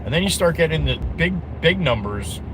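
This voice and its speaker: A man's voice: a little high, fairly quick. Rambling New man chatting from his car. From New Jersey. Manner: rambling, self-interrupting, blunt, answers chat viewers. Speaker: live streamer. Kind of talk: casual live-stream chat while driving. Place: inside a car on the road. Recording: steady car road noise. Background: car engine and road noise.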